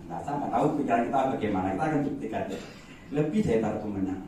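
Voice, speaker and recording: A man from Malang, East Java, gives a sermon and often jokes with the congregation. His pitch leaps up to drive a point home. The recording is very echoey and sounds as if the mic sat some way from him, with a faint hiss underneath. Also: very fast. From Malang, East Java, Indonesia. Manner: lively, joking, shifts pitch for emphasis. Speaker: guest preacher. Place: church hall. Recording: echoey church hall, mic set at a distance.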